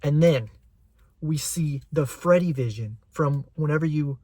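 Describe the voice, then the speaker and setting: A young man hosting his own channel, chatting casually and excitedly as a fan with a rambling flow. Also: fairly high pitch, unhurried, no room sound. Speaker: channel host. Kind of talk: casual chat.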